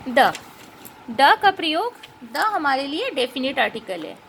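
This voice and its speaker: A woman teaching a grammar lesson. She explains patiently, checks in with rhetorical questions, and spells out and repeats sounds slowly. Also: high voice, very animated, vocal fry, fairly bright tone, a little hiss or hum.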